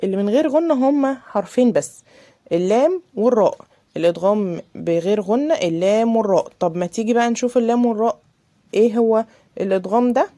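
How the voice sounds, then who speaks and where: Female tajweed teacher, Egyptian accent, casual explainer, warm mellow tone, slow drawn-out recitations. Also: a little high. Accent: Egyptian Arabic. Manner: explains casually, then drawls examples slowly. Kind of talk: tajweed lesson with recited examples.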